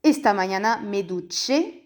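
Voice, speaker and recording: Slow, careful woman teaching a lesson. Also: medium pitch, expressive, darkish tone. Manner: slow, careful, spells out endings and repeats key forms. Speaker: Spanish teacher. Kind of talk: language lesson explained in French.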